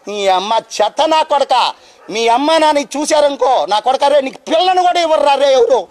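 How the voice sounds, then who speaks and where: A screeching film character, furious and scolding. His voice leaps high and swings all over as he berates. It is delivered as loud, theatrical movie dialogue. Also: expressive, brisk. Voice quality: shrill, scolding. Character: shrill scolding man, furious. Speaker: film character in an inserted clip.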